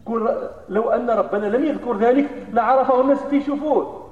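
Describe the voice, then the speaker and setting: A man with a Moroccan accent preaching a Friday sermon, moving between hushed solemn recitation and loud animated scolding. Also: very high-pitched, fast. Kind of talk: Friday sermon in Moroccan Arabic mixed with classical Arabic. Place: mosque hall. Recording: echoey hall from far off, dull lo-fi sound.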